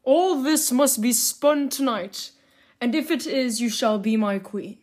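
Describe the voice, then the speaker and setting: A woman voicing a greedy king who gives stern, drawn-out commands. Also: fairly high pitch, a little mellow, pitched above the performer's own voice. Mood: commanding. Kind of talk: storybook reading.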